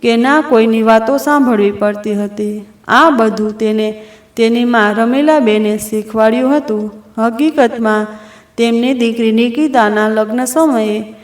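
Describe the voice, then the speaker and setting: A woman narrating a family story in a steady, expressive scripted style. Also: fairly high pitch, unhurried. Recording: roomy echo.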